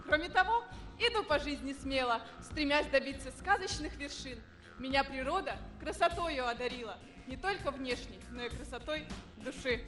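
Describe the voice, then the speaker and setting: A woman's voice: high voice, lively intonation, moderate pace. A woman in her twenties giving a formal, rehearsed self-introduction as a pageant contestant. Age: 20s. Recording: reverberant hall, faint music.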